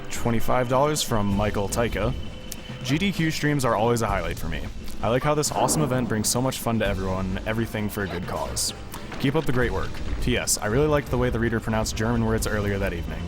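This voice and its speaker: A man with a somewhat low voice reads donation messages aloud at a live charity stream. He rattles through the text in quick bursts. Music plays clearly in the background. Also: expressive. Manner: brisk reading with quick bursts. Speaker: donation reader. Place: live charity marathon event.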